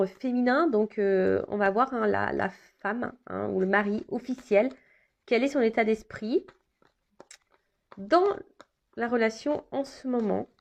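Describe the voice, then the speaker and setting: A woman's voice: medium pitch, creaky, a little mellow, dull audio. A woman doing a casual tarot reading for her viewers, talking hesitantly with many fillers and restarts. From France. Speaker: tarot reader.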